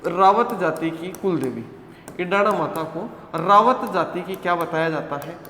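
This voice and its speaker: High-voiced man teaching in an echoey hall. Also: lively intonation, measured pace, bright, forceful tone, a little hiss or hum. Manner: drills students with repeated questions and answers; addresses students as "beta". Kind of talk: online coaching class lecture.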